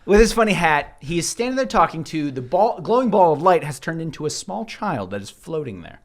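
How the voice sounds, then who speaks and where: A man's voice: a little high, sing-song, fairly quick. A man narrating a tabletop role-playing game as game master, informal and joking, often interrupting himself.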